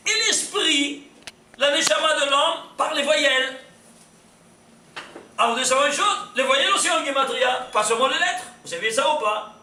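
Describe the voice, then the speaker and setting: Animated high-voiced man lecturing. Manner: quizzes audience, animated, laughs often. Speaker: rabbi teaching. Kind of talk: lively Torah lecture. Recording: echoey room from far off, faint hiss.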